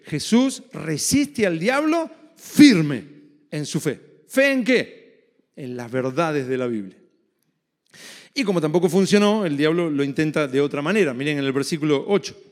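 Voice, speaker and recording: High-voiced emphatic male preacher. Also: expressive, measured pace. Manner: emphatic, asks the audience rhetorical questions. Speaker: pastor. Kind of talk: sermon. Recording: reverberant hall.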